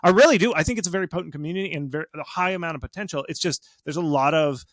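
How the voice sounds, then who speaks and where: A slightly high male voice races along very fast, with no room sound. This guest expert on game marketing offers casual, emphatic advice informally, animatedly acting out imagined reactions and quotes.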